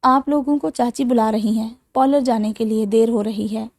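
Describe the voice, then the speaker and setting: A woman narrator voicing a brisk young woman who speaks loudly and in a hurry. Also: a little high, steady tone, no room sound, natural voice. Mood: hurried. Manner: loud, hurried.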